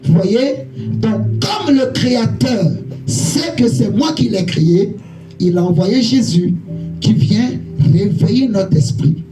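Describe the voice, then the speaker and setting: A man's voice: high voice, animated, slow, dark tone. A man preaching a sermon as an evangelist, repeating his points and checking with the congregation through questions. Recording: echoey church hall, faint music.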